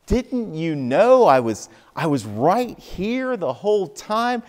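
Brief: a preacher acting out a reassuring calm man, slow and tender, in a reverberant sanctuary. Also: sits high, pitched above the performer's own voice, full character voice. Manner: gentle, pleading, comforting.

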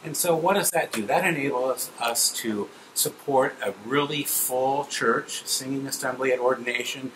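A middle-aged man, a cathedral organist and music director, giving a measured, explanatory presentation to supporters. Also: mid-range voice, reverberant, background noise. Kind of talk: guided presentation to donors. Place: large cathedral organ gallery, indoors.

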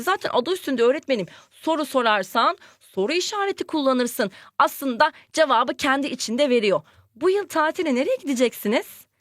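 A woman teaching a lesson to young children, lively and questioning, acting out example sentences with exclamations. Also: a little high, no room sound, studio quality. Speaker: primary school teacher.

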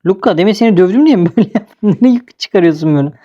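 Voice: medium pitch, animated, racing, lo-fi sound. A young adult host casually commenting on a game he is playing, teasing and laughing often. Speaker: gaming video host.

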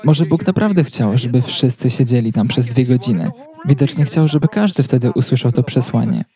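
A man reading a translated sermon as a voice-over, telling it as a steady story. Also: medium pitch, a little fast.

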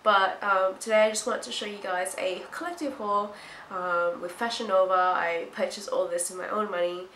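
A young adult fashion vlogger with a cold sounds nasal and blocked up as she chats casually to camera, her medium-pitched voice steady, a bit bright, at normal speed. Her throat itches, and she's recording in a small hard-walled room with a roomy echo and faint noise behind.

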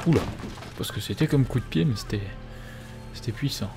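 A man gives casual gameplay commentary, musing aloud. His voice is mid-pitched, mellow and crackles with vocal fry. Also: expressive, fairly quick, faint music behind. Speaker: let's play commentator.

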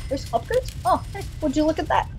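High-pitched female gamer. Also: sing-song, a little fast, a little mellow, slight background noise, low-quality recording. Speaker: game player. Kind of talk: casual gaming chat.

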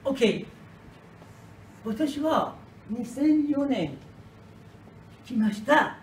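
A middle-aged man from Iran giving a prepared speech in halting, Japanese, often restarting his words. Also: very high voice, big pitch swings, a little hiss or hum. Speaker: foreign resident giving a speech. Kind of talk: prepared speech at a language class event. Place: hall or classroom. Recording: echoey room, mic from a distance.

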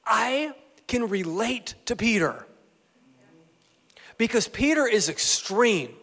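A man, a pastor, giving an animated, playful, conversational sermon with asides to the congregation. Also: high-pitched, slow. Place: church sanctuary. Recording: long hall reverb in a church.

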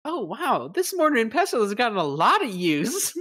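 A woman's voice: on the high side, sing-song, normal speed, a bit bright, slightly rough. Playful teasing woman streamer. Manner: playful, teasing, swears casually. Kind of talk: casual gameplay banter.

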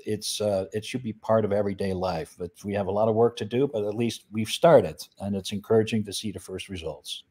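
A middle-aged Dutch man, a flower business owner, explains his business as a guest in a video call interview, using many fillers. His voice is fairly low and mellow, recorded in an indoor room.

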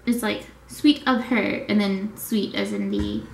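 A woman's voice: mid-range voice, big pitch swings, unhurried, a little mellow, soft background music. A woman in her twenties chatting casually to camera as a vlogger, rambling and easily distracted. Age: 20s. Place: small indoor apartment room. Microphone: camera at arm's length. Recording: echoey small room with faint noise.

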